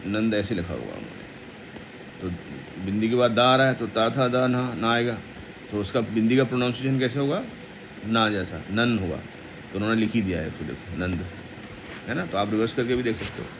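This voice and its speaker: Gravelly man teaching Sanskrit pronunciation. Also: fairly low pitch, lively intonation, background noise. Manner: explains quickly, then chants verses slowly. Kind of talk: recitation lesson, explaining pronunciation.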